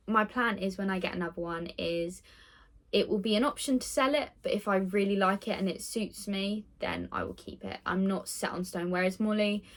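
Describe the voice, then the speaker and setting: Filming on her phone inside with the window open, a nineteen-year-old woman makes a casual get-to-know-me vlog. Her medium-pitched voice rambles along, dotted with ums and little laughs.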